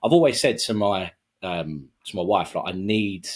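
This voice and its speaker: A man, a podcast guest telling his story in a rambling, relaxed way with many fillers and restarts. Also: low-pitched, normal speed. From Kent, England. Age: 30s. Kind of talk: casual storytelling interview.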